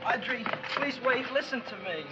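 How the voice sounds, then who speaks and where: A man's voice: very high voice, lively intonation, normal speed. An actor playing a meek, flustered, eager young man with an American accent in a 1960s comedy film. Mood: flustered, apologetic. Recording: dull old film soundtrack, faint music.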